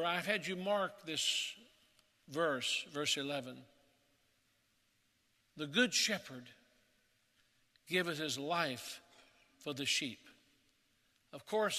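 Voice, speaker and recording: A man, the pastor, preaching a sermon at a pulpit microphone in an earnest, measured way, often dropping to a soft, hushed voice. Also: fairly high pitch, big-room sound.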